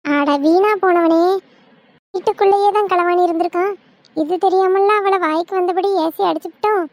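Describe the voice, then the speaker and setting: A woman voicing a loud, quarrelsome village wife in a cartoon. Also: steady tone, moderate pace, dry recording. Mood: scolding. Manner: scolding, shrill.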